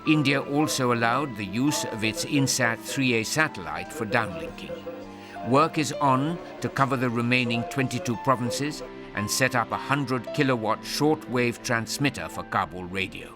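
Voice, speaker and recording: A man reading a scripted documentary narration in a measured, even news style. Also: medium pitch. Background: music.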